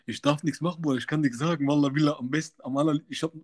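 A man's voice: a little high, fairly even intonation, very fast, a little mellow. A young man in casual chat, animatedly retelling a confrontation at work in street slang and acting out what people said. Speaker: storyteller recounting a work incident.

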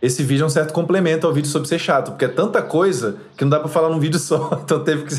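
A man with a Brazilian accent, a guest creator in a casual podcast chat, animated and laughing as he tells stories. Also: a little high, racing, very noisy.

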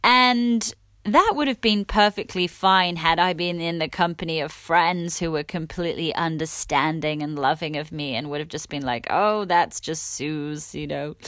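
A woman's voice: on the low side, moderate pace, fairly bright tone, no room sound, clean studio sound. A woman podcast host and coach telling a personal story in a candid, reflective and emotional way.

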